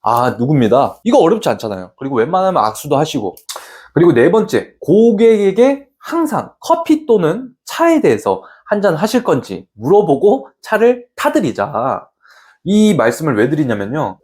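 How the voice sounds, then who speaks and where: A man's voice: on the high side, wildly swooping pitch, moderate pace, darkish tone. A man who works as a real estate agent gives an instructional talk to other agents, bluntly and with slang, asking rhetorical questions and answering them himself. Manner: slangy and plain-spoken.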